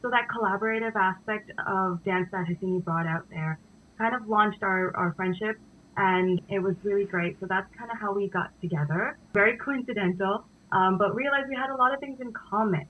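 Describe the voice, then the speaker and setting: A woman's voice: mid-range voice, normal speed, slight background noise. A young woman born in India, a dance company co-founder, answering interview questions thoughtfully with frequent fillers. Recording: dull, lo-fi sound.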